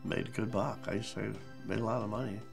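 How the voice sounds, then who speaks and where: A man in his seventies with a very low, gravelly voice recounts his working years plainly, sometimes speeding up to make a point. Soft music plays faintly behind him. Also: steady tone, fairly quick. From Ohio. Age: 70s. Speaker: interviewee. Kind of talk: documentary interview storytelling.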